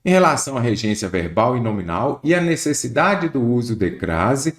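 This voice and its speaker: A man's voice: medium pitch, sing-song, normal speed. Man teaching grammar, roomy echo. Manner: explanatory, addresses student directly, repeats rules. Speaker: Portuguese teacher. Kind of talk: exam prep lesson.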